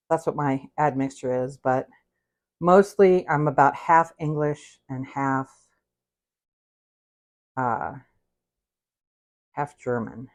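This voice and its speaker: Deep and a little dark, this voice belongs to a woman from the United States in her sixties. She chats loosely while cooking on a livestream, wandering from topic to topic and interrupting herself.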